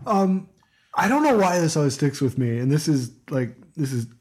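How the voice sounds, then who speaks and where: A man's voice: fairly high pitch, sing-song, normal speed, darkish tone. A man co-hosting a music podcast, chatting casually with lots of fillers and frequent laughter. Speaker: podcast co-host.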